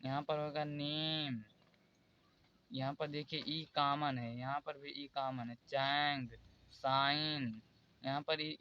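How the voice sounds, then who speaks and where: A man teaching English spelling rules in a slow, repetitive way and pointing out examples one by one. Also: a little high, lo-fi sound, a little hiss or hum. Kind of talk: explaining spelling rules in Hindi.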